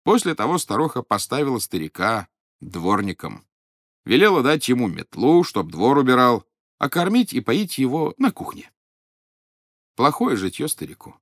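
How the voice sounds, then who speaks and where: A man narrating a folk tale in an expressive, storytelling manner. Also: mid-range voice, normal speed, no echo, studio quality.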